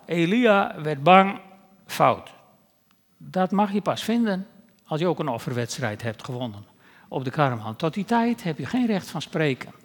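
A man's voice: a little high, in a large hall. A male preacher giving a sermon in a conversational way, with wry asides.

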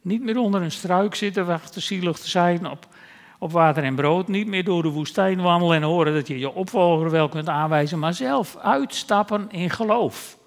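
A man's voice: high voice, moderate pace, in a large hall. A male preacher giving a sermon in a conversational way, with wry asides.

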